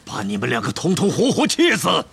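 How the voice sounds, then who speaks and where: Man doing a giant groundskeeper, gruff, hot-tempered, gravelly, wildly swinging pitch. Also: huge pitch swings, a little fast, fairly bright tone, heavily acted. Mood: indignant. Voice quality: gravelly, rough. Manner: booming outbursts, blustering. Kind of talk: audiobook character reading.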